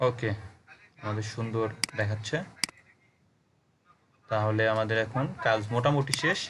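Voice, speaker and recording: A man's voice: fairly low pitch, moderate pace, background noise. Bangladeshi man teaching code step by step. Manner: explains step by step, spells words letter by letter, checks understanding often. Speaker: programming teacher. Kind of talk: live coding lesson on a call.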